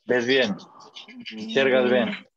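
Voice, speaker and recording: Teaching Spanish on a video call, a man speaks slowly in a steady, medium-pitched tone, encouraging students with patience and regularly confirming they understand. Noise sits in the background of the dull, lo-fi call audio.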